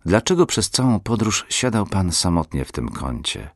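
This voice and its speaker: A man's voice: low-pitched, big pitch swings, normal speed, husky, no room sound, studio quality, voice pushed up, exaggerated voice. A man voicing a friendly, concerned male fellow traveler who asks earnest questions. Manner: earnest, questioning, rising to surprised exclamations.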